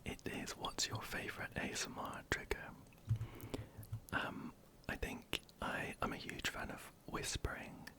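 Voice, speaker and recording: An ASMR creator, whispering softly and hesitantly while answering viewer questions into a close microphone. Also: unhurried. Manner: soft, hesitant, many ums and restarts.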